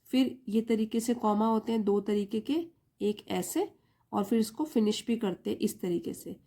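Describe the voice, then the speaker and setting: A woman's voice: mid-range voice, moderate pace, dark tone. A woman teaching English grammar in Hindi, with an Indian English accent, explaining patiently step by step and repeating key terms.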